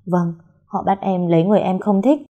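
A woman voicing a desperate young woman held captive by her family, speaking in a hushed, pleading way. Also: on the low side, fairly quick, lo-fi sound, close to an everyday voice.

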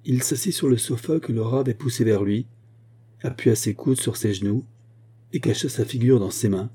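Dark, husky male audiobook narrator. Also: mid-range voice. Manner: steady, measured reading. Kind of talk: scripted narration of a classic novel.

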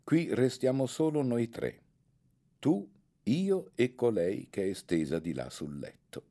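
A man's voice: medium pitch, very animated, slow pace, dark tone, pitched above the performer's own voice, exaggerated voice. A man reading the part of a school director in his forties who speaks in a manly, composed tone.

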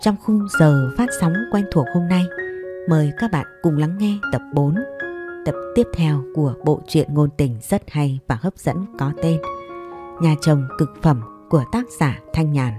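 A woman storyteller hosts her channel and reads a romance serial in an even, measured way. Her voice sits low. Faint music plays under the narration.

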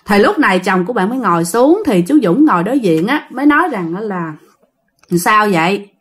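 A woman's voice: medium pitch, sing-song, fast, slightly rough. A woman with a Southern Vietnamese accent telling a ghost story in a chatty way, addressing listeners directly.

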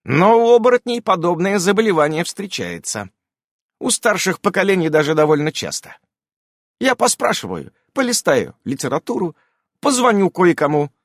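A man puts on a sharp-tongued witch woman for an audiobook, pitched well above his own voice and swinging through a lively melody. She speaks in a brisk, emphatic way. The sound is close and dry. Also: no room sound, exaggerated voice. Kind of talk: audiobook character voice.

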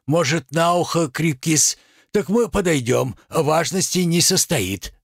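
A man reads as a shrewd, stubborn old-fashioned merchant, politely deferential but sly. Slow, gravelly and a little husky, in a dry close recording. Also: on the high side, lively intonation, no room sound, heavily acted. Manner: deferential yet sly, homespun speech.

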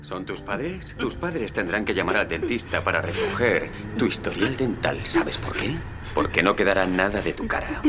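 A man's voice: sits low, very animated, moderate pace. An actor playing a menacing, mocking man in dubbed film dialogue, taunting and commanding. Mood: mocking menace. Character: menacing, mocking man interrogating a terrified victim. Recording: music behind the film dialogue.

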